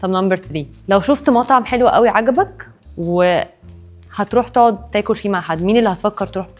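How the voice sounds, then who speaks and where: A woman in her twenties with an Egyptian Arabic accent fires off brisk questions at great speed, her voice at a middle pitch. Light music runs faintly behind her. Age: 20s. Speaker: game show contestant. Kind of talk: playful group banter.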